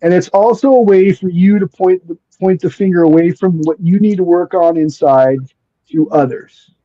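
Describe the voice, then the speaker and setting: Pitched high and delivered at a moderate pace, this man's speech belongs to a laid-back, slangy chat about spirituality. He's a native Spanish speaker from near Mexico, where he has spent most of his life, and he tends to repeat words while feeling out his ideas. Sound quality is dull and lo-fi.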